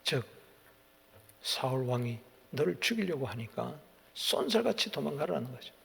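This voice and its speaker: Husky gravelly pastor in a reverberant church. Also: male voice, mid-range voice, normal speed. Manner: animated storytelling, acts out quotes. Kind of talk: early-morning sermon. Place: church sanctuary. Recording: long hall reverb.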